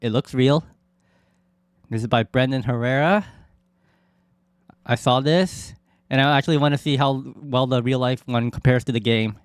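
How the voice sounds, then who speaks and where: A man's voice: mid-range voice, normal speed, pauses often, clean tone, dry recording, studio quality. A man from Canada doing casual reaction commentary as a streamer.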